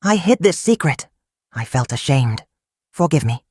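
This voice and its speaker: A storyteller voicing a frightened young bride in a folktale who speaks in short, soft phrases. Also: medium pitch, big pitch swings, a little slow, breathy edge, no room sound, studio quality. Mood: earnest.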